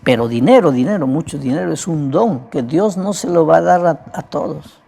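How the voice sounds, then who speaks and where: A man's voice: on the high side, lively intonation, moderate pace, vocal fry, dark tone. Preacher guy with a cracked broken voice, chatty sermon, keeps checking in with the crowd, tends to cough. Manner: conversational preaching, often asking "right?" of listeners. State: prone to coughing. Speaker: evangelist preacher.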